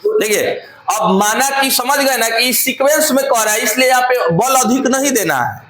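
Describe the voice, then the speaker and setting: A high-pitched male teacher, drilling grammar points by repeating each phrase and asking his class if they follow. His voice rings around an echoey room, with students audible in the background. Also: lively intonation, moderate pace, crowd noise. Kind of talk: classroom lecture.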